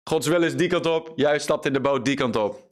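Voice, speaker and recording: A man's voice: on the high side, fairly quick. A man preaching an online sermon as pastor, earnest and full of fillers and repeated words.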